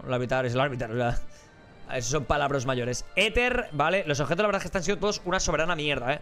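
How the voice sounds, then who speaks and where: A man rattles off quick, rambling commentary while playing a game as a let's play host. He jokes and swears casually in a slightly high voice. Soft game music plays underneath.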